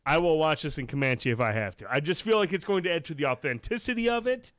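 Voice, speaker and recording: A man hosting a casual livestream chat, talking excitably and swearing freely. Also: fairly high pitch, quick pace, no echo, clean studio sound. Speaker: show host.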